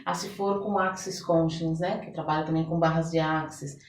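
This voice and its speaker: A Brazilian woman appears as a therapist guest on a podcast interview, speaking in a low voice at normal speed with fairly even intonation. She explains things conversationally, using everyday examples and imagined quotes. The recording has a roomy echo, a distant mic, and background noise.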